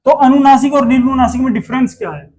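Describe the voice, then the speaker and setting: A man's voice: very high-pitched, fast talker, a little mellow. A man teaching a class, asking questions and repeating the answers himself. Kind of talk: classroom lesson.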